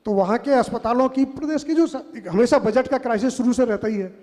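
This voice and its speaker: A middle-aged man with a Madhya Pradesh Hindi accent talks to an audience from a panel, sitting high in his register. He moves from one anecdote to the next and slips into the voices of the people he quotes. His voice carries a long hall reverb. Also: fairly quick, darkish tone. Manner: anecdotal, quotes others in dialogue. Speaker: panel speaker. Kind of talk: storytelling talk to an audience.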